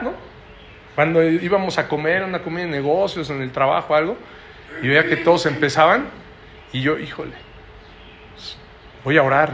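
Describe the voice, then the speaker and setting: Man, conversational sermon, slightly high voice, faint hiss. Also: a bit bright. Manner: conversational preaching, tag questions, acts out quoted voices. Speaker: preacher.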